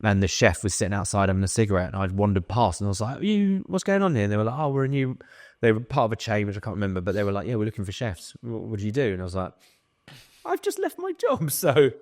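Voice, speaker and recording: A young man tells long stories into a studio podcast mic. His voice sits a little low and sounds dry and close. He is animated, swears casually, and slips into other people's voices when he quotes them. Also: rapid-fire, dry recording. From England. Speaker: guest. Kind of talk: casual storytelling.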